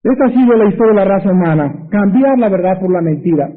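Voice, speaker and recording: A man's voice: high voice, animated, fast. A man with a Mexican accent preaching a sermon, pressing his points emphatically and asking rhetorical questions. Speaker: pastor. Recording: tinny lo-fi phone-like sound.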